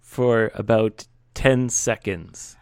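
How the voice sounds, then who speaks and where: A man who speaks English as his first language talks very slowly and deliberately, with a smooth, clear voice, teasing his co-host. The sound is dry and close, with no room around it. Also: fairly low pitch, darkish tone, no room sound. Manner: teasing, slow deliberate phrasing. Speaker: podcast co-host. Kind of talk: casual chat.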